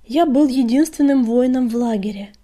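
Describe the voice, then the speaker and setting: A woman's voice: on the high side, moderate pace, warm tone, pitched above the performer's own voice, lightly acted. A woman voicing an earnest young male warrior cat who explains things in a storybook reading.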